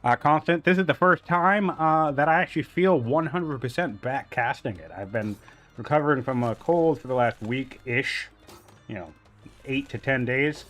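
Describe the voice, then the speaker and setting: Slightly sniffly after a cold, a man casts a strategy game tournament in a medium-pitched, fairly bright voice at normal speed. He thinks aloud analytically about the numbers, leaning on frequent "um"s and "you know"s.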